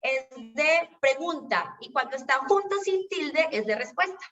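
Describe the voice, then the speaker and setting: A woman's voice: high-pitched, lively intonation, measured pace, fairly bright tone. A woman teacher with a Colombian accent explaining spelling rules in an online class, patiently checking that students follow. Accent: Colombian Spanish. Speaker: teacher leading an exam-prep class. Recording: distant, dull video-call audio.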